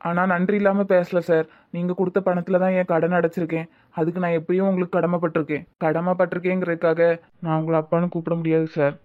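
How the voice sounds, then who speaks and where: A woman's voice: on the low side, level tone, fast talker, natural voice. A woman voicing a young husband in a cartoon, emotional and apologetic, with a Tirunelveli Tamil accent. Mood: cold firm. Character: young husband Muthu, proud then remorseful. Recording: muffled lo-fi audio.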